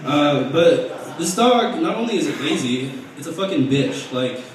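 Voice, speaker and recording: A young man performing an open mic stand-up set, deadpan and halting, with restarts and fillers. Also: a little high, a little hiss or hum. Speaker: stand-up comedian. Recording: very echoey room heard from a distance.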